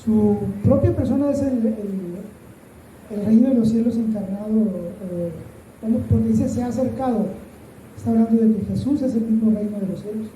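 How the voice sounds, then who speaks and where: Man, student answering in Bible class, hesitant, thinking aloud, dark tone, roomy echo. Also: high-pitched, normal speed, slight background noise. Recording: echoey room, off-mic.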